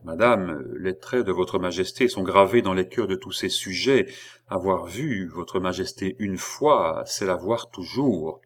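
A man's voice: low-pitched, a little slow. A man reading the part of a young courtier who speaks with fervent, flowery devotion.

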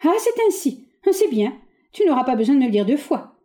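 A woman's voice: high voice, sing-song, brisk, mellow, voice pushed up. A woman reading a stage play aloud, voicing a passionate, stubborn young woman who speaks with resolute, theatrical indignation.

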